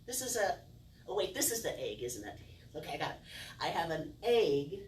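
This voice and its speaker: A middle-aged woman playing a kids' party magician and circus performer uses a low, sing-song, slightly mellow voice at a moderate pace, swooping theatrically through playful wonder and mock puzzlement. She's recorded from a distance by a camera away from her small indoor stage, leaving the sound roomy with faint noise.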